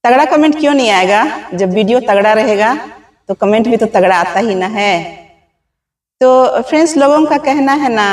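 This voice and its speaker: Chatty woman vlogger. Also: a little high. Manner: chatty, keeps addressing viewers as friends. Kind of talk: casual vlog chat to viewers. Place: outdoors under open sky. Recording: distant, roomy-sounding mic.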